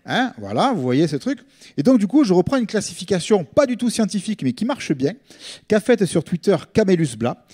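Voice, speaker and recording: A middle-aged man speaks with a Marseille accent in a fairly high, mellow voice. He lectures informally, explaining ideas in a conversational way and regularly checking that his listeners follow. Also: big pitch swings, brisk, husky. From Marseille, France. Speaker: linguist giving a public talk.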